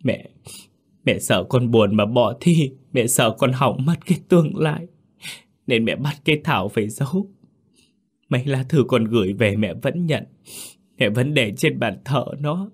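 A man's voice: low voice, moderate pace. A man voicing an older mother who is grieving and tearful, sobbing as she confesses in an audio story. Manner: sobbing, pleading.

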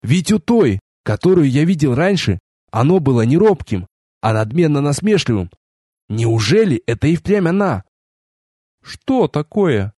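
A man reading a first-person audiobook in a wry, expressive way with sardonic asides. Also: on the high side, moderate pace, breathy edge, no room sound, studio quality. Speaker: audiobook narrator.

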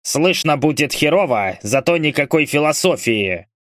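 Raging, a man voices a furious male berserker shouting threats, pitched above his own voice yet close to an everyday one. The delivery is expressive, on the high side, at a moderate pace, recorded in a clean studio with no echo.

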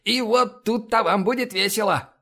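A sharp-tongued woman officer who mocks everyone around her with cocky ease, pitched a little high. She comes from a spoken audiobook, voiced by a male narrator. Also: moderate pace. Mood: teasing. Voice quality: teasing, cocky.

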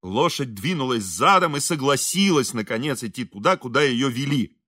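A man narrating an audiobook in a lively, expressive way. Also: medium pitch, moderate pace, no echo, clean studio sound. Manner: lively, expressive, voices characters. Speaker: audiobook reader.

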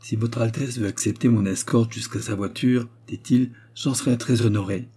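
A man doing a shy young gentleman. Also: medium pitch, fairly even intonation, normal speed, husky. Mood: timid. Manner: timid and polite.

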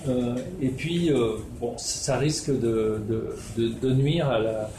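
A man's voice: medium pitch, takes it slowly, noisy background. A man from the Netherlands, giving a spoken presentation as a researcher, hesitant with many fillers and restarts. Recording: echoey room with faint ambience.

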